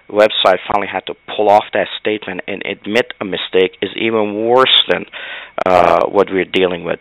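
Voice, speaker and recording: Low gravelly male guest analyst, emphatic and measured. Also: a bit bright, no room sound, low-quality recording. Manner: measured, emphatic, with frequent uh fillers. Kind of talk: interview commentary.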